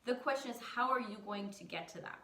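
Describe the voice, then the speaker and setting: A woman's voice: fairly high pitch, fast, fairly bright tone, recorded from a distance, slight background noise. Chatty woman in a roomy space. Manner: chatty, emphatic, self-deprecating humor. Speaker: design educator. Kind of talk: casual teaching monologue. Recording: roomy echo, voice off-mic.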